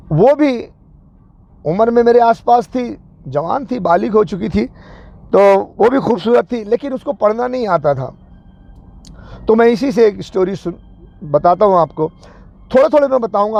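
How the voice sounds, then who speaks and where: A man recounts memories from his youth in a slow, reminiscing storytelling manner. His voice sits high and carries a rough, gravelly fry. The recording sounds muffled and lo-fi. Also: dark tone. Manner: unhurried, reminiscing narration. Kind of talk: personal storytelling. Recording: dull lo-fi recording.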